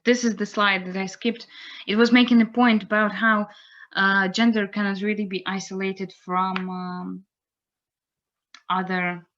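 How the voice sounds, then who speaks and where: A young woman giving an online lecture, unhurried and pausing to search for words. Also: lowish voice, fairly bright tone. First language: Russian. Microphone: computer mic on a video call. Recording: slightly dull video-call audio.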